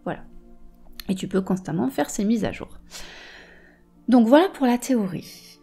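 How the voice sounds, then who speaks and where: A woman's voice: fairly high pitch, animated, normal speed, vocal fry, mellow, husky, soft background music. A woman teaching informally, hesitantly searching for her words as she speaks directly to the listener. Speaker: meditation and hypnosis teacher.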